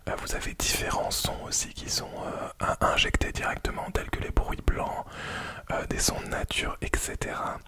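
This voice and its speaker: A man whispers quietly at normal speed in a nighttime-soft tone, presenting a product through a casual, hesitant ASMR unboxing.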